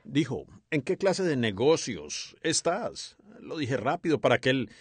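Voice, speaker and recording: A man voicing over a sermon as a dub, with a lively, expressive delivery. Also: medium pitch, a little slow, breathy edge, dry recording. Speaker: sermon interpreter.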